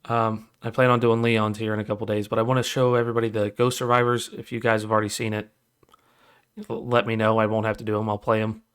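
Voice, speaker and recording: A man's voice: on the low side, little pitch movement, fast, fairly bright tone, clear, resonant tone. A man co-hosting a podcast in casual chat, easygoing and rambling. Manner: easygoing, rambling with fillers and restarts. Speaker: podcast co-host.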